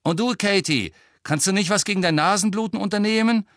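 A man reading aloud voices a bossy teenage girl, the team captain, with sharp, loud commanding calls. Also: high-pitched, sing-song, a little slow, no echo, studio quality, pitched above the performer's own voice, full character voice. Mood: scolding.

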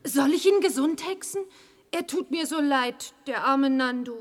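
A woman's voice: high-pitched, unhurried. A woman voicing a cheerful young witch girl who chants rhyming spells. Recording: loud music under the voice.

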